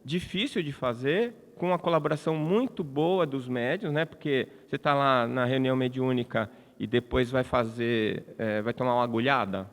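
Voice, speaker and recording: A man's voice: medium pitch, moderate pace, hardly any pauses. A man with a Brazilian Portuguese accent giving a conversational spiritist lecture, often restarting and adding tag questions. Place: large congress hall. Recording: long hall reverb.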